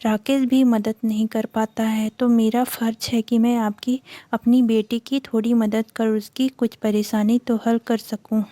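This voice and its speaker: A woman voicing a gentle, caring older father-in-law in a storybook reading, speaking with soft affection. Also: fairly high pitch, flat delivery, unhurried, dry recording, lightly acted. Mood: affectionate.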